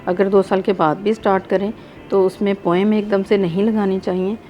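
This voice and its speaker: A woman speaks as the guest expert on a talk show. Her voice sits at a middle pitch, and she explains things in a steady, instructive way. There is faint ambient noise in the room. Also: normal speed. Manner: instructive, quotes parents in anecdotes. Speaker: child speech expert guest. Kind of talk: explanatory interview answers.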